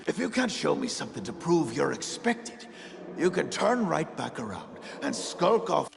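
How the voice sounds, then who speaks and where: An actor playing a stern, scornful male guard in a video game, gravelly and commanding. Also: fairly high pitch, big pitch swings, moderate pace, noisy background, full character voice. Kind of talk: video game character acting. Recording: long hall reverb, music behind.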